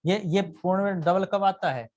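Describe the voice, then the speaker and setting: A man's voice: high-pitched, normal speed, darkish tone. A man teaching a live grammar lesson, constantly quizzing his students with questions and answering them himself.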